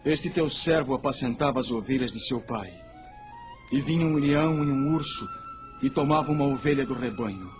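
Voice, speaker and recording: An actor playing a brave, devout young shepherd in a radio play, earnest and declamatory. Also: male voice, medium pitch, moderate pace, music in the background, lightly acted. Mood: humble, confident. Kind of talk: dramatized radio play acting.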